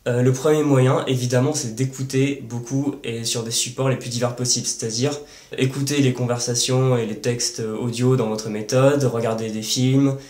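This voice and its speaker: A man's voice: mid-range voice, steady tone, moderate pace, darkish tone, echoey room. A man hosting a language-learning lesson, explaining step by step with worked examples and frequent hesitation fillers. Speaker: language-learning channel host.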